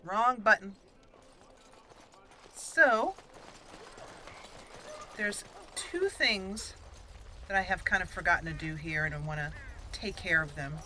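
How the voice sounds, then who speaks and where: Over loud game music, a woman does casual let's-play commentary for her gaming channel, thinking aloud as she goes. She speaks slowly in a mid-range voice with long pauses, and there's slight background noise.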